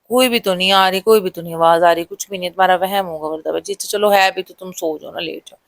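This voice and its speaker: A woman voicing her sleepy younger sister, who calmly brushes off her fears in a drowsy, soothing tone. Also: lowish voice, vocal fry, no room sound. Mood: dismissive.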